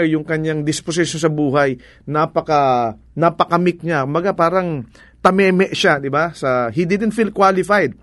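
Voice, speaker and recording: A man's voice: on the high side, fairly bright tone, no echo. A man with a Filipino accent preaching a sermon in a conversational way, slipping English into his talk and asking rhetorical questions.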